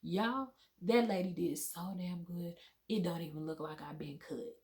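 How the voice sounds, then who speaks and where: A woman's voice: on the low side, measured pace, background noise. A young woman telling a personal story in a casual, chatty vlog, talking straight to her viewers. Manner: chatty, animated, addresses viewers as y'all and girl. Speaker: vlogger.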